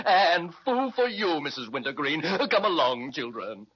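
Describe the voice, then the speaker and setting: Fussy, high-pitched patchwork dragon. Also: male voice, lively intonation, takes it slowly. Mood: cheeky. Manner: flowery, quaintly polite phrasing. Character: fussy, genial patchwork dragon, timid but jaunty. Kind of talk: old-time children's radio serial acting. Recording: dull, noisy old radio recording, clicks.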